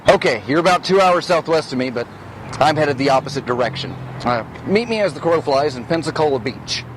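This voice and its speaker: A man playing an excitable doctor who hosts a goofy road-trip show, with a hammy showman's delivery. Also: fairly high pitch, brisk, background noise, lightly acted. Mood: brisk, businesslike. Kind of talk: comedic show hosting and banter.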